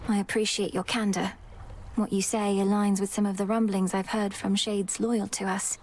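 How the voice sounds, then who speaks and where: A woman's voice: mid-range voice, little pitch movement, moderate pace, darkish tone, natural voice. A woman voicing an earnest young witch princess. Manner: earnest, polite. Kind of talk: video game voice acting.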